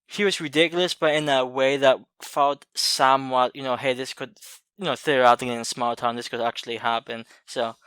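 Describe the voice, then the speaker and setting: A man co-hosting a casual movie podcast, talking thoughtfully with many pauses and light laughs. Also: mid-range voice, steady tone, fairly bright tone, clean tone, no room sound. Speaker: podcast co-host.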